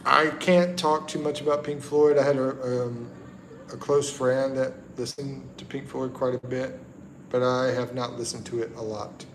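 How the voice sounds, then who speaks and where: With a mid-range voice, a middle-aged Carolinas native chats casually and haltingly on his livestream, full of ums and restarts as he reads viewer comments. He's at home in the Philippines at night, in an echoey room with steady background noise.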